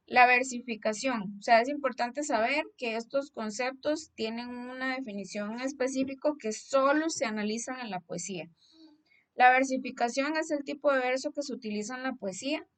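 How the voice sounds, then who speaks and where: A young woman teacher with a Costa Rican accent, speaking in a fairly high voice. She works through the lesson patiently, one step at a time, and often stops to check that her students are following. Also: normal speed. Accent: Costa Rican Spanish. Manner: patient, explanatory, asks "¿verdad?" to check understanding. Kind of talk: classroom lesson explaining a slide.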